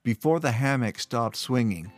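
A man narrating a fantasy story in a steady, measured way. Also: mid-range voice, dry recording, soft background music.

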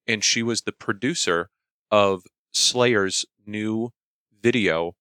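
Man, low pitch, bright forceful tone, casual storytelling podcast host, dry recording. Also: takes it slowly, clean tone, no room sound. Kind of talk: casual chat, anecdotes.

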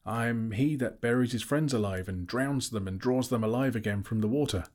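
A man voicing a nervous, flattering little male hobbit who stammers and talks eagerly. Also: mid-range voice, normal speed, pitched above the performer's own voice, close to an everyday voice. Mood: pleased.

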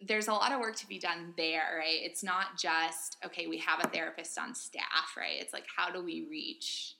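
A woman's voice: on the low side, fairly even intonation, moderate pace, vocal fry, pushed and bright. A woman co-hosting a podcast, explaining points methodically and often checking in with "right?". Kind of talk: casual academic discussion.

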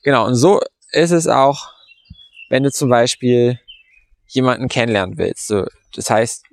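A man's voice: mid-range voice, expressive, a little slow. A man hosting a podcast as a meditation coach, telling a story casually and in slangy words, with lots of fillers and restarts. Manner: rambling, heavy on fillers and restarts; colloquial, slangy.

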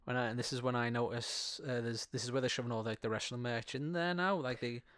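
A man's voice: mid-range voice, steady tone, fast, a bit bright, clear, resonant tone, no echo, studio quality. A man co-hosting a podcast, chatting casually and rambling about a TV episode, laughing often and swearing now and then. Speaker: podcast co-host. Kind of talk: casual chat reviewing a TV episode.

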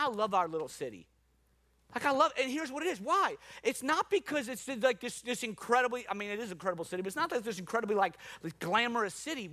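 A man's voice: extremely high pitch, bright, forceful tone. A man from New Orleans preaching a sermon as a pastor, with rhetorical questions and repetition. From New Orleans, USA.

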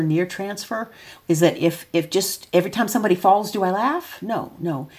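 A middle-aged woman with a somewhat low voice talks casually as a parent. She explains her ideas patiently and step by step, circling back and restarting sentences as she works through a point. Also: darkish tone. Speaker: parent of a child with developmental delay.

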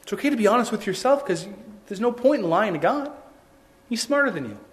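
A young man preaching a sermon in a conversational, earnest way, with quick asides and restarts. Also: high-pitched, expressive. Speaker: pastor.

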